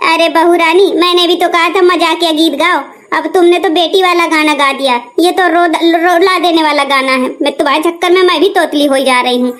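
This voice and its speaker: A woman's voice: extremely high pitch, steady tone, brisk, a bit bright. A woman voicing a fussy middle-aged cartoon mother-in-law who frets and scolds. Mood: fretful. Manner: fretful, scolding. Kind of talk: cartoon voice acting.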